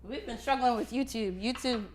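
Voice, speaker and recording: A woman's voice: on the high side, normal speed, darkish tone, a little hiss or hum. A woman hosting a podcast in casual chat, teasing her guest and laughing often. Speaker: podcast host. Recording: echoey room.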